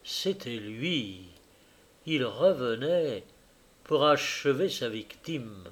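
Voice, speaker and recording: A man reading a classic novel aloud as narrator, dramatically, slowing down at moments of suspense. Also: mid-range voice, lively intonation, fairly bright tone.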